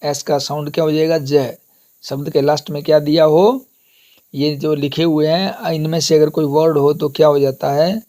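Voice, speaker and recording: A man's voice: fairly high pitch, little pitch movement, moderate pace, warm tone. A man teaching English pronunciation, drilling words and asking and answering his own questions. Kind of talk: classroom lesson on pronunciation.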